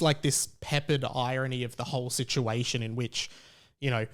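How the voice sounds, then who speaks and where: A man at medium pitch delivers a casual opinion monologue like a podcast host. He's conversational and halting, leaning hard on key words for emphasis.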